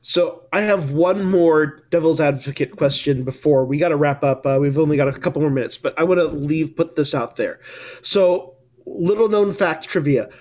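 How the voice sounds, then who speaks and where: Male host, slightly high voice, eager, casual discussion, rambling restarts. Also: normal speed, a little mellow. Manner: enthusiastic, thinks aloud with restarts and tag questions. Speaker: podcast host.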